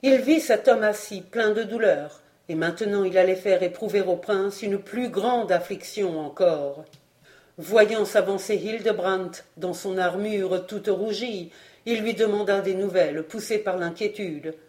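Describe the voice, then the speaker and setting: A volunteer audiobook reader narrating an old epic in a measured, solemn way. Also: medium pitch, a little mellow. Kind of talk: scripted narration.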